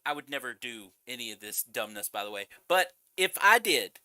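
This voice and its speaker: A man's voice: mid-range voice, sing-song, moderate pace, pushed and bright, no room sound, studio quality. A man co-hosting a podcast, giving emphatic, jokey commentary in casual chat. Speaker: podcast co-host.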